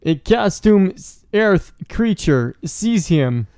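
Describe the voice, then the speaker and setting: A blustering male alien invader, put on by a man for a comic read-aloud. He booms his lines slowly in a raised voice, stiff and theatrical. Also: very animated, smooth, no echo, clean studio sound, exaggerated voice. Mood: menacing. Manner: loud, slow, stilted villain speech.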